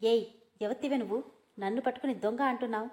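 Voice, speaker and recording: A woman voicing a hot-tempered, sharp-tongued young man who scolds angrily. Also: a little high, a little fast, close to an everyday voice. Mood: furious. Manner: angry, scolding.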